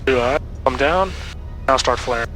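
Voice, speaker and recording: A man's voice: medium pitch, normal speed, soft background music, rough recording. Man flight instructor on a cockpit headset. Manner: calm, patient step-by-step coaching. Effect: talking over a pilot's cockpit headset intercom. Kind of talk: coaching a student pilot in flight. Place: small airplane cockpit in flight. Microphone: aviation headset boom mic. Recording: loud engine drone behind.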